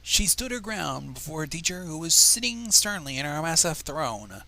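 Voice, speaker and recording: A fanfiction reader and livestream host gives a dramatic reading, breaking off for sarcastic, profane, mocking asides. His fairly high voice swings widely in pitch, with vocal fry and a sharp tone, at a moderate pace.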